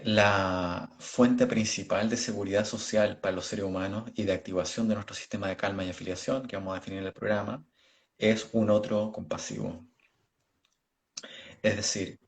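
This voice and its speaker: A middle-aged man with a Chilean accent explains his field in a measured way, stopping often to check he is followed. His voice is low and has a gravelly edge. He is heard over a video call. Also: darkish tone. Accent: Chilean Spanish. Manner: measured, explains with examples and rhetorical questions. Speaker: clinical psychologist guest. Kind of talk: explanatory interview answers.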